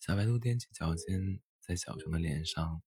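A man narrating a children's bedtime story in a gentle, unhurried way. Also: deep voice.

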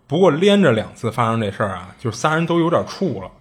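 A man's voice: medium pitch, sing-song, quick pace, breathy edge. A man casually retelling a strange story, chatty and colloquial, often circling back with little restarts and asides.

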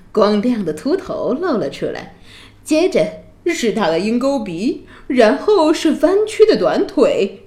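Brief: woman narrator for a children's story, gentle and expressive, mellow tone, roomy echo. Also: on the high side.

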